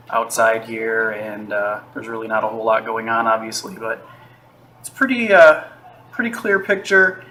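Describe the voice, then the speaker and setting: Relaxed and unscripted, a medium-pitched man chats through a tech product review at home, often using fillers and starting his sentences over.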